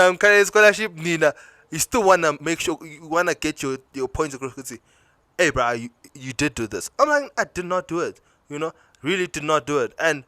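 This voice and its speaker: A young male vlogger with a South African accent tells a personal story to camera, switching between English and Zulu mid-sentence. He's emotional, restarting and repeating himself as he recounts it, in a slightly bright mid-range voice captured in a dry recording.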